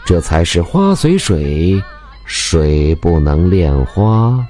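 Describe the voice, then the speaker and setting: A man singing a Peking opera passage as if played from an old gramophone record, drawn-out in opera style. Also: low-pitched, big pitch swings, dark tone, soft background music, heavily acted. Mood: mournful. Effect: old gramophone record playback.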